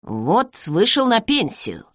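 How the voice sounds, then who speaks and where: A woman's voice: mid-range voice, wildly swooping pitch, takes it slowly, a bit bright, dry recording, clean studio sound, voice pushed up, exaggerated voice. A woman reading the part of an apologetic, hesitant 60-year-old retired male accountant.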